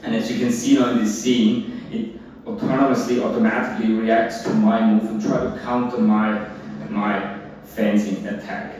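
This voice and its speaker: A man delivering a hackathon demo pitch in a promotional, slogan-like manner. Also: flat delivery, normal speed, a little mellow. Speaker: hackathon team presenter. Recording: echoey hall from far off, faint noise.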